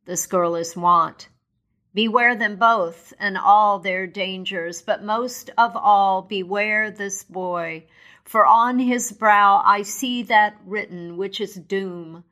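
A woman voicing a sorrowful, stern Christmas spirit, giving slow, solemn warnings in a storybook reading. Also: mid-range voice, a bit bright.

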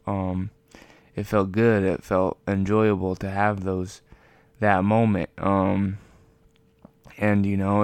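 A man with a fairly low, very clean and smooth voice records a podcast lying on the floor. He speaks in a casual, reflective monologue, pausing and repeating words as he feels for what to say. The sound is dry and close. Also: no room sound. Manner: hesitant, searching, with repeated words and pauses; talking while lying on the floor. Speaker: podcast host. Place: lying on the floor of a room at home.

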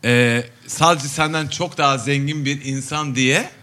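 A man's voice: mid-range voice, a little slow. A man hosting a comedic chat show, joking and acting out little scenes as he talks. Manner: animated, jokey, acts out little scenes. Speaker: podcast host.

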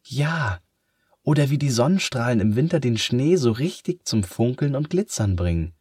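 A man voicing an eager, caring young girl in a children's story, raising his voice high. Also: lively intonation, normal speed, husky, no room sound, studio quality. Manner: bright, pleading, raised voice.

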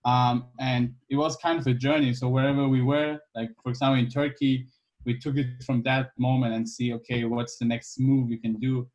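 Relaxed young man from Iran. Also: medium pitch, muffled recording. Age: 20s. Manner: easygoing, thoughtful, many pauses and fillers. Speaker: guest. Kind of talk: casual interview.

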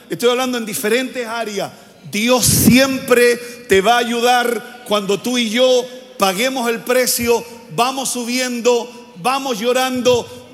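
An older male pastor preaches in a very high-pitched voice, calling on the congregation to repeat his words. His sermon rings out through a church sanctuary with a long, trailing reverb. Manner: preaching with call-and-response to the congregation.

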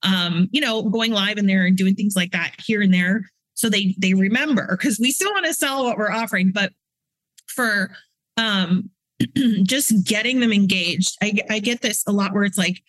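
A woman's voice: medium pitch, moderate pace, no echo, low-quality recording. A woman guest on a podcast, a business coach explaining how to build online community in a casual, advice-giving way with frequent fillers. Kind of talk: casual interview chat.

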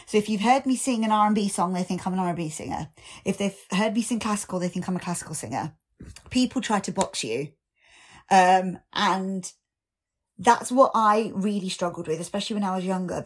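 A singer and actor in her thirties talks candidly and reflectively in a podcast interview. Her mid-range voice is slightly raspy, and she uses ums and restarts.

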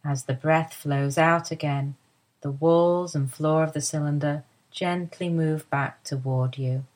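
Slow, low-voiced woman guiding relaxation. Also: steady tone, poor audio. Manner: soft, slow, soothing guidance. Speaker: movement teacher guiding a lie-down. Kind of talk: guided body-awareness instruction.

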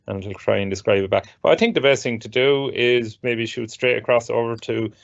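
Halting man explaining in muffled audio. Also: medium pitch, gravelly, dry recording. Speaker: presenter of an assistive technology show. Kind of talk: explanatory casual talk.

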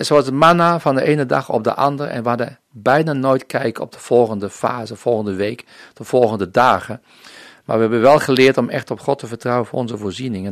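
A man's voice: medium pitch, no room sound, studio quality. Earnest Dutch man recounting his faith story. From Netherlands. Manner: earnest storytelling, often acting out remembered dialogue. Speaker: missionary guest. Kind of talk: personal faith testimony in an interview.

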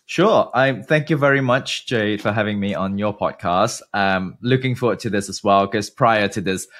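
In this interview, a guest researcher from Malaysia, a man in his thirties, explains things in a measured way with many pauses. He has a fairly bright tone, and his pitch runs on the low side.

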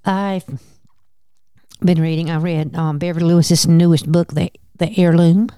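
A woman co-hosts a casual chat from a farm. Her voice is mellow and smooth, recorded dry, and she answers briefly and agreeably. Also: lowish voice, flat delivery, normal speed, no room sound. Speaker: co-host. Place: at a family farm.

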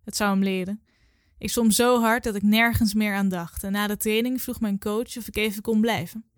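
A woman in her twenties reading her own literary story aloud in a calm, measured way. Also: mid-range voice, dry recording, studio quality. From Netherlands. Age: 20s.

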